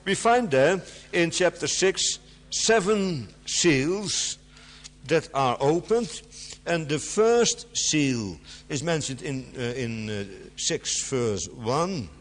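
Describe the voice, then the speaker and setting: A man preaching to an audience, stressing key words with sharp rises and sometimes pausing with fillers to find his words. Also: on the high side, animated. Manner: halting, searches for words with fillers. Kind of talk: sermon. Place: large hall before an audience. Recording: long hall reverb.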